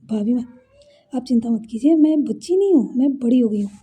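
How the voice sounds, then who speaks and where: Playful, innocent young woman read by a female storyteller; husky, mellow tone. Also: a little high, lively intonation, brisk. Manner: innocent, teasing, eager. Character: playful young businesswoman, childlike with family.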